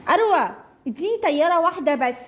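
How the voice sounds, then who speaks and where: A woman's voice: very high voice, animated. A woman with an Egyptian accent leading a children's speech lesson, praising often and drawing out key words as she repeats them. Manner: slow drawn-out repetition of target words. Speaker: speech therapist teaching young children. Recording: noisy room recording.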